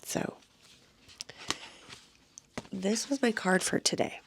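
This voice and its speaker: Exhausted woman with a crackly gravelly voice. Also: mid-range voice. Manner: tired, slow, at times dropping to a whisper. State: exhausted and sleepless. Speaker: vlogger. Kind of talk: casual personal vlog, reading an affirmation card aloud.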